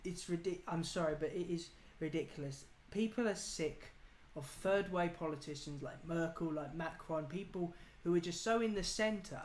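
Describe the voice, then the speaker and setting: A man's voice: on the high side, normal speed, few pauses. Opinionated man ranting in an echoey room. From England. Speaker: political talk show host. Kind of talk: casual political debate. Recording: echoey room with faint noise.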